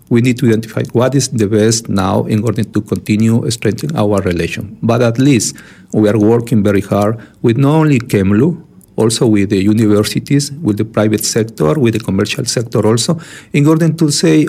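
Spanish-accented diplomat with a gravelly voice. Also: male voice, medium pitch, darkish tone. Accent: Ecuadorian Spanish. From Ecuador. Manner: halting, many fillers and restarts, rising emphasis. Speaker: diplomat guest. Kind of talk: formal interview answers.

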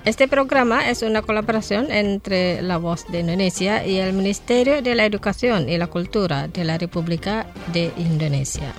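A woman presenting a scripted radio language lesson, saying each word twice slowly and carefully. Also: medium pitch, soft background music. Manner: slow, careful repetition of words.

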